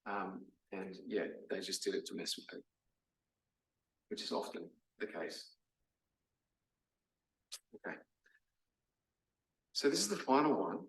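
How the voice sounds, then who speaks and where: Speaking low and a little slowly, this Australian man swings widely in pitch and leaves long pauses. His casual lecture is chatty and packed with "um" and "like," picked up by a distant mic in a roomy lecture room.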